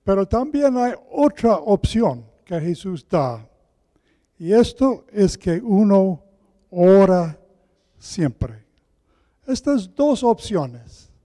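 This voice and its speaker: Man preaching slowly in cathedral-like echo. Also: high-pitched, mellow. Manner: deliberate, repeats key phrases for emphasis. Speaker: guest preacher. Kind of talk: sermon with Bible reading. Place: large echoing hall with pews. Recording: cathedral-like echo, long hall reverb.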